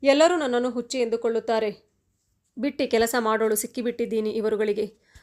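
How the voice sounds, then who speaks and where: A woman's voice: on the high side, brisk. Woman telling a heartfelt moral story. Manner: emotional, expressive storytelling with voiced dialogue. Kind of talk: first-person story narration.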